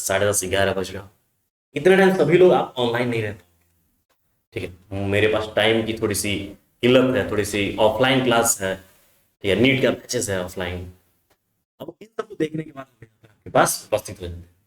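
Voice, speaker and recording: A man's voice: on the low side, echoey room. A man teaching a chemistry class, who asks his students questions and answers them himself, calling them affectionate names. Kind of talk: online class lecture.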